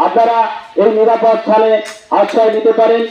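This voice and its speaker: A man making a slow, repetitive public warning announcement for the municipality, outdoors in a riverside neighborhood. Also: very high voice, completely flat delivery. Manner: slow, repetitive, halting delivery. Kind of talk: public address announcement over loudspeaker. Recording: roomy, distant, muffled loudspeaker sound.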